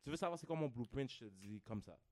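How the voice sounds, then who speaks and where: Fast, lively Quebec French man. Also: medium pitch. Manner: mixes English slang into French, keeps asking "tu comprends?". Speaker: podcast guest, content creator. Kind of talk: casual podcast chat.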